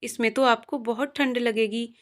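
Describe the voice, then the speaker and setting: A woman voicing a caring grown daughter, calm and firm in her replies. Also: on the high side, normal speed, natural voice.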